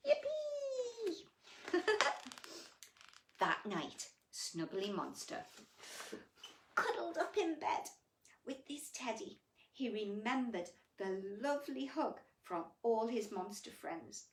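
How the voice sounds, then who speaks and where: Addressing young children, a bedtime story reader and host tells stories and chats in a sing-song, fairly high voice, speaking slowly with frequent pauses. Her delivery is animated, gushing, affectionate and full of exclamations. The recording is reverberant with slight background noise.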